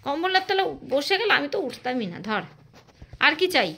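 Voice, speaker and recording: A woman vlogging casually from her bed at home, talking in a rushed, tumbling way into a phone she holds in her hand. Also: high-pitched, sing-song, sharp tone. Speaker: family vlogger. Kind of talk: casual home vlog chat. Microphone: phone held in hand.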